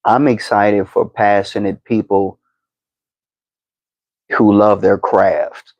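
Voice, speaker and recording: A man in his fifties, a podcast host giving slow, deliberate motivational advice, with frequent fillers and repeated words. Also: fairly low pitch, flat delivery, darkish tone, no echo, lo-fi sound. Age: 50s. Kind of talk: motivational talk to camera.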